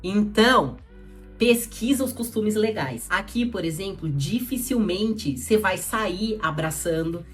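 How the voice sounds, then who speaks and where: A young woman from Brazil talks straight to camera in a chatty, direct vlog style, mid-pitched and lively. She hands out blunt advice and speaks to her viewers as friends. Faint music plays underneath. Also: measured pace. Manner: chatty and direct, addresses viewers as "cara" and "gente". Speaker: YouTuber.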